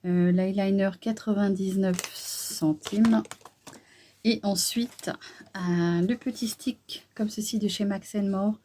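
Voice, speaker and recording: A woman's voice: medium pitch, steady tone, slow, mellow, a little hiss or hum. A middle-aged woman chatting casually through a beauty haul, hesitant and full of fillers. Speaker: beauty vlogger.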